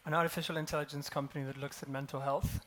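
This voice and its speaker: A man's voice: fairly high pitch, level tone, racing, fairly bright tone, a little hiss or hum. A man in his forties speaking at a conference, telling a grim personal story wryly and with a self-deprecating humor. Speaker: conference speaker, company co-founder. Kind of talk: conference talk with personal anecdote. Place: conference stage.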